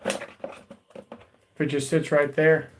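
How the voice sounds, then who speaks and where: A man's voice: on the high side, flat delivery, extremely slow, low-quality recording. A man hosting a live tool video, chatting casually with viewers and often repeating his words as he goes. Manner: rambling, repeats words, talks to viewers as "guys" and "dude". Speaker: YouTube tool channel host. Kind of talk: casual livestream chat.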